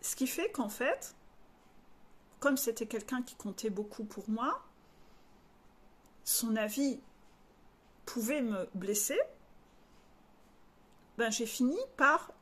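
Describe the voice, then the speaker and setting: A woman's voice: a little high, breathy edge. A woman coach from northern France, speaking frankly and confidingly to her followers, with blunt slang mixed into her talk. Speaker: life coach. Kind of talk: candid personal monologue to followers.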